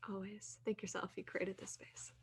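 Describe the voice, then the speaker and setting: In her late twenties, this woman co-hosts a podcast and interviews her fellow host in a casual chat. Her medium-pitched voice is husky with vocal fry, level in tone at a moderate pace, and she's informal and encouraging, saying "like" a lot.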